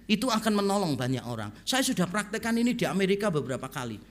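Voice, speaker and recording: A man's voice: high voice, quick pace. A middle-aged man, preaching as a pastor and telling stories while talking straight to the congregation. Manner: animated storyteller, keeps addressing the congregation directly. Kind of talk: sermon storytelling.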